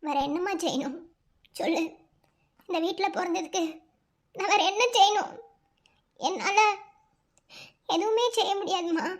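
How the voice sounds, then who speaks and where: A woman's voice: very high voice, normal speed, pauses often. A woman voicing a heartbroken young village woman in a cartoon, speaking bitterly and wearily in a Madurai accent. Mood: bitter resigned. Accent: Madurai Tamil. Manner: bitter, resigned, weary. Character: sorrowful young village bride forced into engagement. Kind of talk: cartoon voice acting.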